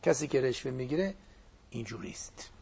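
An older man, a cleric whose first language is Azerbaijani Turkish, telling religious stories in an animated preaching manner with a husky, gravelly voice. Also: mid-range voice, slight background noise. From Turkic-speaking region of Iran. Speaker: cleric guest speaker. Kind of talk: religious storytelling talk.

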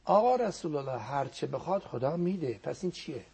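A man's voice: a little high, big pitch swings, gravelly, a little mellow, slightly rough. A man giving a religious talk as a guest on a program, teaching earnestly and quoting Arabic prayers, his voice sometimes sinking to a near whisper.

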